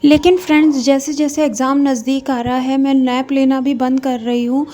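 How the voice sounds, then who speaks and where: Brief: young woman vlogger, high voice with a mellow tone, chatty, calls viewers friends. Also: level tone, normal speed. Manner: chatty, addresses viewers as friends, frequent hesitations. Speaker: vlogger studying for an exam while raising a child. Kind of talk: casual talk to viewers.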